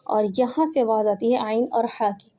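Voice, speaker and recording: A woman's voice: a little high, dark tone. Patient woman teaching throat sounds. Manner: patient, explains step by step and demonstrates throat sounds. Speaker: Quran pronunciation teacher. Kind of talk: informal home lesson on letter sounds. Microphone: home recording, phone.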